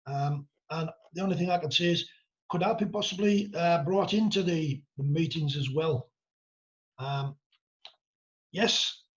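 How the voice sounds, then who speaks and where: A man speaking as a town councillor in a meeting over a video call. His remarks are courteous and halting, with frequent pauses. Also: a little high. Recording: dull lo-fi video call audio.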